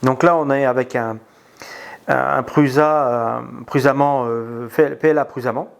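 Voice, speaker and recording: A man giving a casual spoken product review, hesitant, with many pauses and filler sounds. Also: mid-range voice, steady tone, creaky. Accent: non-native in English words.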